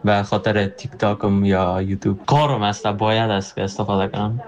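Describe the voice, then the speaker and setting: A man's voice: lowish voice, little pitch movement, a little mellow. A young man, a youtuber, talking casually and matter-of-factly. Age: 20s. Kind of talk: casual interview comment. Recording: dull remote recording.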